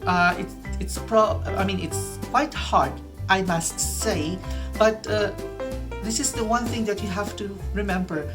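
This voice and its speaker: Filipino-accented woman, 30s, patient language teacher, unhurried delivery, music bed behind. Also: mid-range voice. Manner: slow, encouraging, repeats each word three times. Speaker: French teacher. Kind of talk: language lesson, repeat-after-me drills. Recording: background music.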